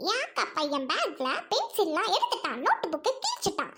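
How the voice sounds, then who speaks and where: A woman playing a loud, insulting neighbor woman picking a quarrel in a comedy skit. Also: wildly swooping pitch, brisk, slight background noise, heavily acted. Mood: quarrelsome. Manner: shrill, insulting.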